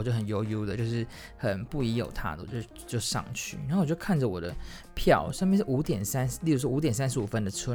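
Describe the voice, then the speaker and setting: This solo podcaster, a fast-talking man with a Taiwanese Mandarin accent, spins a casual story on his own. He keeps backtracking and rephrasing mid-thought, and his animated voice jumps up into excited exclamations.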